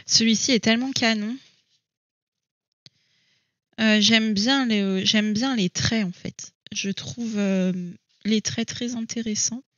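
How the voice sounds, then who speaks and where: A woman's voice: fairly high pitch, fairly even intonation, slow pace, long pauses, fairly bright tone, dry recording, dull audio. A woman chatting casually to camera at home about her coloring books, thinking aloud and hesitating with many fillers. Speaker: coloring hobby vlogger.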